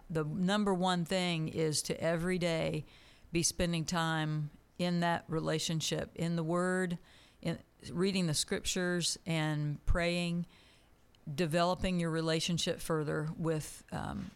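Older guy on a radio interview, earnest and measured, kinda high voice that stays pretty flat. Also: clean tone. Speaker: ministry area director.

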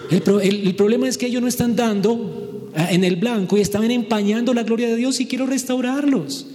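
A man's voice: very high voice, brisk, dark tone. Preacher man in a reverberant hall. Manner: preaching with acted-out quotes and rhetorical questions. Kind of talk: sermon.

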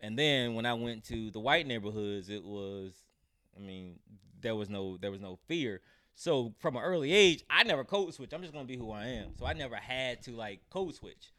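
A man's voice: mid-range voice, lively intonation, moderate pace, pushed and bright, no echo, studio quality. A man from North Carolina, talking casually in a group discussion. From North Carolina, United States. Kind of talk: casual chat.

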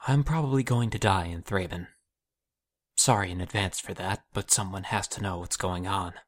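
Actor as a husky-voiced brooding mage in an audio drama. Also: male voice, sits low. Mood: resigned. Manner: halting and defensive. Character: troubled, stubborn young male mage.

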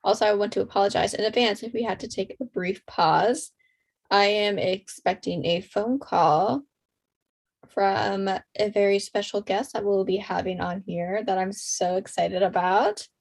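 A woman's voice: mid-range voice, fairly even intonation, unhurried, gravelly, breathy edge. Young woman co-hosting a casual podcast. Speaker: podcast co-host.

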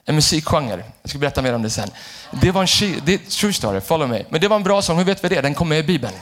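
A male pastor preaching an animated sermon, jumping from shouted lines to quiet asides. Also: a little high. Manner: animated, shifts between shouting and hushed asides. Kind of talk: energetic sermon.

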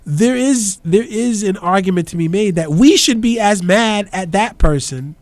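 A man's voice: high-pitched, expressive, normal speed, no room sound. A middle-aged man with a New York accent giving informal commentary, emphatic and argumentative, repeating phrases as he builds his point. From the Bronx, New York. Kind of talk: informal political and cultural commentary.

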